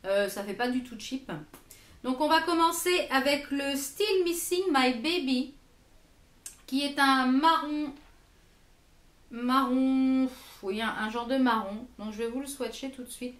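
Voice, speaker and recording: A woman's voice: sits high, measured pace, a bit bright, reverberant. A French woman reviewing lipsticks in her own vlog, hesitant and full of fillers and repeated words. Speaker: beauty vlogger. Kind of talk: product review.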